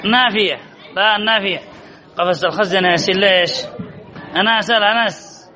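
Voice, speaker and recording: A man's voice: sits high, fairly quick, sharp tone, a faint crowd. A man teaching Arabic grammar in a classroom, quizzing students and repeating key answers as drills, on a dull lo-fi recording. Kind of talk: classroom lesson with questions to students.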